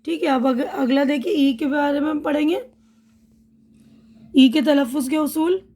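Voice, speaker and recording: Woman, patient teacher, slow, repeats words with meanings. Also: sits high, a little mellow. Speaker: English teacher. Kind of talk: slow spoken-language lesson.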